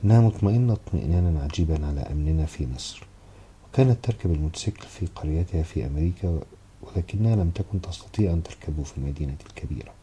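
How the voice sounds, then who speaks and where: A man reads a first-person novel aloud in a very deep voice. His tone is dark and heavy, and he moves through the text at a brisk, steady clip with a measured literary delivery. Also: a little hiss or hum. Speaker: audiobook narrator.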